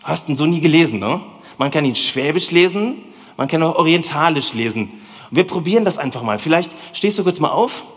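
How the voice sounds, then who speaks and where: Guy preaching a chatty sermon, kinda high voice, big church hall echo. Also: fairly quick, slightly rough. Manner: lively, colloquial, addresses the congregation directly. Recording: long hall reverb.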